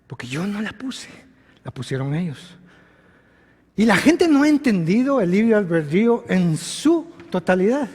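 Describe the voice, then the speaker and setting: A male pastor preaching a sermon, dropping to a hush and then rising to shouts. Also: sits high, slightly rough, long reverb tail. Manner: swings from hushed to shouting. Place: church hall.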